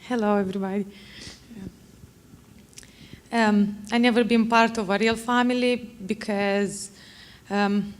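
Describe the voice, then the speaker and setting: A young woman from Moldova tells her story in church, slowly and with pauses. Her voice is smooth and clear and stays level in pitch, delivered in an earnest tone. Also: fairly even intonation. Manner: slow, halting, earnest. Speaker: testimony speaker. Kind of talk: personal testimony in church.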